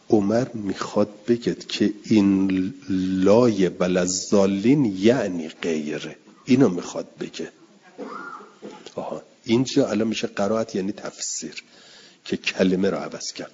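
Older man, classroom lecture, low husky voice, dull lo-fi recording in a reverberant hall. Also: warm tone. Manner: patient, explanatory, repeats rules with worked examples. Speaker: religious studies teacher.

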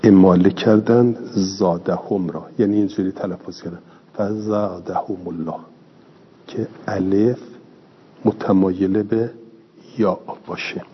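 A man's voice: low-pitched, steady tone, husky. A man teaching a classroom lesson, explaining step by step and answering his own questions. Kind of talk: classroom lecture. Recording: dull lo-fi recording in a reverberant hall.

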